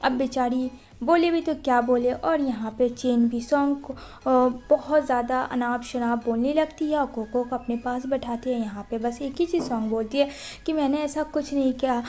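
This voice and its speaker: A woman narrating a drama recap in a lively, conversational way. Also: sits high, normal speed.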